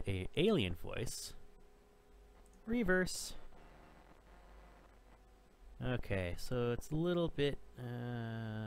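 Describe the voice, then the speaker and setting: Relaxed rambling tutorial man. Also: on the low side. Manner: rambling, with many fillers and restarts. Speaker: tutorial host. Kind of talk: casual software tutorial.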